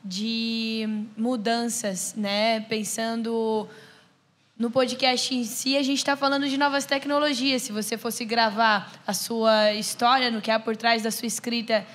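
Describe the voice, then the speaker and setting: A woman interviewing a guest on a podcast, asking slow, measured questions. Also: fairly high pitch, level tone, fairly bright tone. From Brazil.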